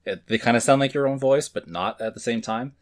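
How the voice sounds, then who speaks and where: A man's voice: mid-range voice, brisk. A man narrating a tabletop role-playing game as game master, describing scenes and laughing along with the players. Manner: descriptive, laughs often, restarts sentences.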